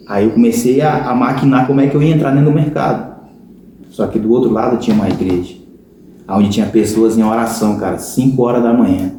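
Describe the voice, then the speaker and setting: Here a man with a Brazilian Portuguese accent, a podcast guest, recounts his conversion testimony earnestly like a story, often with "cara" aimed at his listener. His mid-range voice is mellow, with slight background noise and heavy room echo.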